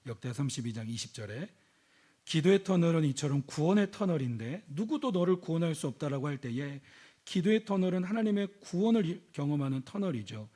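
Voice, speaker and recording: High-voiced male pastor preaching. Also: very animated, fairly quick. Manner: preaching with sudden swings between loud exhortation and hushed, intimate speech; asks the congregation questions and calls out hallelujah. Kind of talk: sermon.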